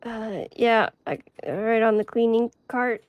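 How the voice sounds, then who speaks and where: A woman's voice: on the high side, fairly even intonation, slow pace, clean tone, no room sound, muffled recording. A woman playing an exasperated, incredulous young donut shop worker in an improvised game role-play.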